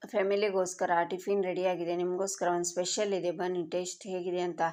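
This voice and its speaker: A woman reading the lines of an eager young man organising an event, in an even storytelling voice. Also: on the low side, brisk, close to an everyday voice.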